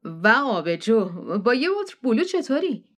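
Brief: woman reading a jovial farmer in an audiobook, hearty and louder than the narration. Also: fairly high pitch, big pitch swings, voice pushed up. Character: fat sweaty jovial farmer man.

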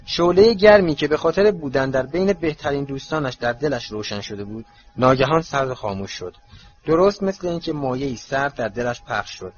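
A man narrating an audiobook in an even, measured reading, in a slightly muffled recording with faint hiss. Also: medium pitch, faint music behind. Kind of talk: scripted narration.

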